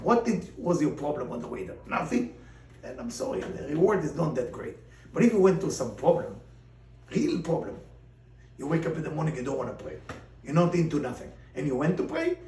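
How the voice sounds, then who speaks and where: Animated rabbi in a roomy hall. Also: male voice, fairly high pitch. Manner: animated, non-native English grammar, mixes in Hebrew terms. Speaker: rabbi teaching a class. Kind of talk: Torah and Kabbalah lesson. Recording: roomy, distant mic, faint background noise.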